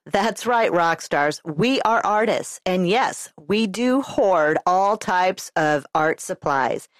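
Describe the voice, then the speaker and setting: A woman's voice: fairly low pitch, expressive, slow, no room sound. A woman with a congested voice hosting a podcast, chatting upbeat and directly to her listeners. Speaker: podcast host. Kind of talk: casual solo podcast talk.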